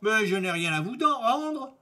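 A man voicing a cowardly, lying village innkeeper in a fairy tale, with shrill wailing protests. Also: expressive, normal speed, bright, forceful tone, exaggerated voice. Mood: panicked.

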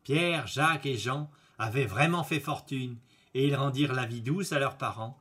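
Male storyteller reading a fairy tale aloud, lively and expressive, bright husky voice. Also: mid-range voice, normal speed.

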